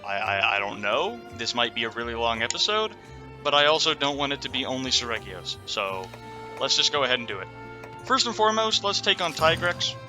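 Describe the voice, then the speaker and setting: A man hosts a gaming video, keeping up casual, running commentary over live play in a middling pitch. He's opinionated and swears freely, and game music is clearly audible behind him.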